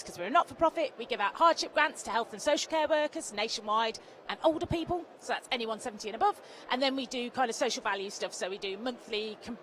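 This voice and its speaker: A woman, a charity co-founder chatting casually as a guest, laughing easily and running quickly through details. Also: a little high, fairly bright tone, a little hiss or hum. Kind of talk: casual interview chat. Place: exhibition hall studio at a trade show.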